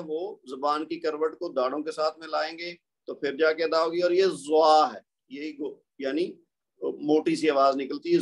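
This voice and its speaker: A man teaching a Quran recitation class over a video call, patiently explaining and drawing out letter sounds. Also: on the high side. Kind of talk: online class lecture. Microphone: computer mic on a video call.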